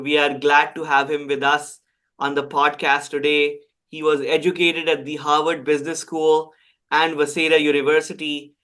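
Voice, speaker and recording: A man's voice: on the high side, fairly bright tone. A man hosting a podcast interview, eager and stumbling, repeating words as he asks questions. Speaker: podcast host.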